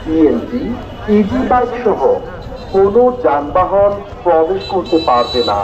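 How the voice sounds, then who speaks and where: A man making a formal, repetitive public announcement for the local administration, heard over an outdoor loudspeaker. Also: fairly high pitch, sing-song, measured pace. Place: outdoor hill market street. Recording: echoey distant loudspeaker, muffled, busy market crowd. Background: loud market crowd and vehicles.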